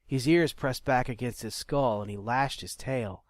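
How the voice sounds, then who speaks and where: A man reading an audiobook chapter in a steady, measured storytelling manner. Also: medium pitch, no echo. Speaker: narrator. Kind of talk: scripted audiobook narration.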